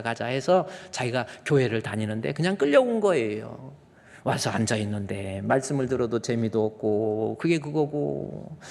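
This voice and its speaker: Male pastor, chatty, teasing sermon voice that builds to fervent shouting; echoing sanctuary. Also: on the high side. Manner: conversational preaching, teasing the congregation, rising to loud passionate peaks. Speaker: senior pastor. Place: church sanctuary. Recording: long reverb of a church sanctuary.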